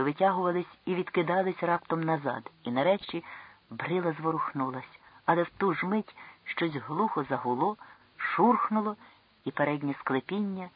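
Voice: mid-range voice, husky, no room sound, highs cut off. An audiobook reader narrating a classic story with tense, dramatic storytelling.

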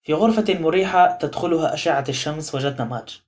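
A man narrating an audiobook novel in a measured storytelling manner. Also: on the high side. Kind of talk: scripted narration.

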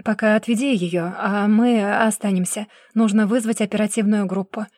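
A woman voicing a protective young husband who speaks steadily and urges calm. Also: mid-range voice, moderate pace, no room sound, clean studio sound, lightly acted. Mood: firm.

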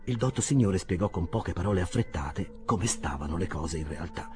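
A man narrating a classic novel as an audiobook in a lively, dramatic storytelling manner. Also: low voice, moderate pace. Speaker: audiobook reader. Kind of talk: expressive literary narration.

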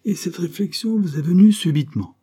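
A man voicing a scheming, spiteful middle-aged woman in an audiobook reading, with a shrill, mocking delivery. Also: expressive, normal speed, dark tone, breathy edge.

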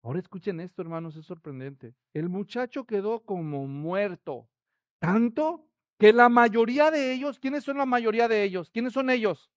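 A man preaching a sermon, expressive and rising to loud, emphatic quotes. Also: high voice, normal speed, no echo.

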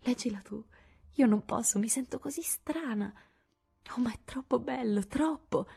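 A woman's voice: a little high, moderate pace, creaky, warm tone, husky, voice pushed up, full character voice. A woman doing shy breathless Beth. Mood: overwhelmed. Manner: breathless, timid. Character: shy gentle teenage girl, Beth.

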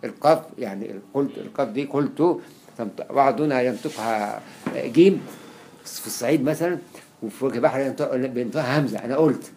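A man with an Egyptian accent giving a classroom lecture, quickly listing examples and repeating words for emphasis. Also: mid-range voice, vocal fry, a little mellow, a little hiss or hum. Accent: Egyptian Arabic. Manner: explains quickly with many examples, repeats words to stress them. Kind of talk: classroom lecture on Arabic spelling.

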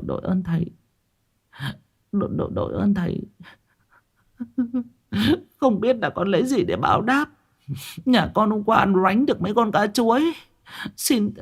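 A man voicing a humble, anxious village wife, who talks softly and stammers. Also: sits high, very animated, a little slow, long pauses, husky, pitched above the performer's own voice, exaggerated voice. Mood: humble, grateful. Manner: soft and stammering.

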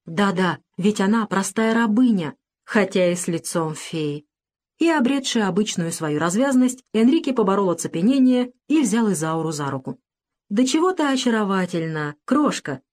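A woman narrating a romance audiobook at a medium pitch, expressive yet measured. Her reading is clear and unhurried. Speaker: audiobook reader. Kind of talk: scripted narration.

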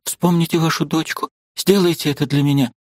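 A restrained young woman speaks softly but firmly, pleading with quiet resolve, voiced by a male audiobook reader. Her voice sits a little higher than his own, with a dry, close sound. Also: steady tone, a little fast, dry recording, lightly acted. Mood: sad, firm. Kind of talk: audiobook character reading.

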